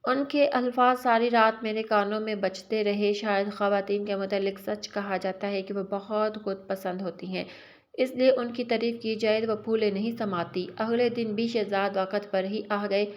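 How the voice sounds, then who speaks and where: Woman, confessional storytelling, wistful tone, medium pitch, dull lo-fi recording. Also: fairly even intonation. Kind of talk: first-person romantic story narration.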